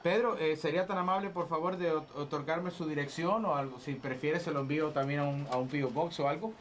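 A man playing an over-polite, hesitant chocolate salesman on a phone sales pitch, repeating himself. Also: a little fast, lightly acted. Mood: courteous. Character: polite male chocolate salesman claiming to be French. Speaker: prank caller. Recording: noisy radio phone call.

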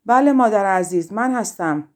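A woman's voice: medium pitch, expressive, darkish tone, natural voice. A woman reading an audiobook and voicing a clever, cheeky young man who answers with mocking politeness. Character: clever young male hero, cheeky and bold.

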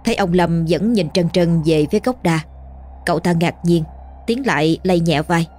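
Low-voiced woman narrating a ghost story. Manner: steady, measured storytelling. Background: faint music.

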